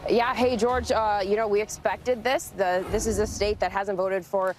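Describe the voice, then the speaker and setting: A woman's voice: medium pitch, flat delivery, moderate pace, darkish tone, faint music behind. An American woman giving a live election night field report.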